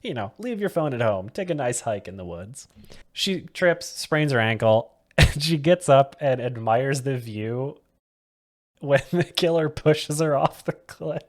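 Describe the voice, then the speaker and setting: A man's voice: medium pitch, expressive, unhurried. Guy on a movie podcast, keeps cracking up mid-sentence, casual chatty recap. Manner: giggly, laughs often mid-sentence. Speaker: podcast co-host. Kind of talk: casual movie-review chat.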